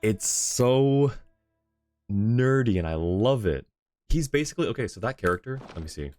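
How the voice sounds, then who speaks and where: Over game music, a game streamer and host commentates on his livestream in a casual, rambling way, thinking out loud. His voice is mid-pitched, darkish, and very animated, moving at a moderate pace.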